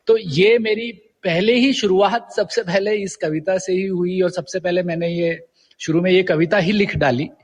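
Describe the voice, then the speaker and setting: This middle-aged Indian man has a high-pitched voice, a steady tone and a moderate pace. Reminiscing as an interview guest, he tells stories in Hindi sprinkled with English words.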